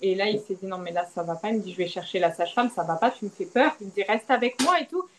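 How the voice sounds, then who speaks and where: A young woman, a podcast guest, candidly recounting a personal story and acting out the quoted dialogue with lively swings in her voice. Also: fast talker, poor audio. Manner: animated, acts out quoted dialogue with big pitch swings. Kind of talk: candid storytelling about childbirth.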